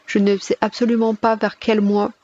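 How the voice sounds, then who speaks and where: A woman's voice: mid-range voice, little pitch movement, moderate pace, dark tone, highs cut off. A woman gives a casual channel update in a chatty, self-correcting way, recorded at home. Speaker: gaming YouTuber. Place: at home, alone.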